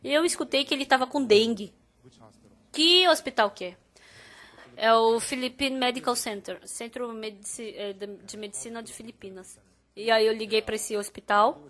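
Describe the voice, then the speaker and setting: A woman interprets a sermon in the first person and tells the story with rising emphasis. Her voice is high and bright, and it carries with a clear edge. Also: moderate pace. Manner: storytelling, emphatic and animated when quoting.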